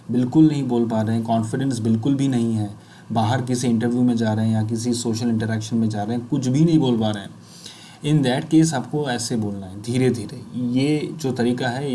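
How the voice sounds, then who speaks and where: A man with an Indian accent coaching people who stammer, mixing Hindi and English and reading English sentences one word at a time with pauses. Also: medium pitch, dark tone, a little hiss or hum. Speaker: speech fluency coach. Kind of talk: slow instructional demonstration.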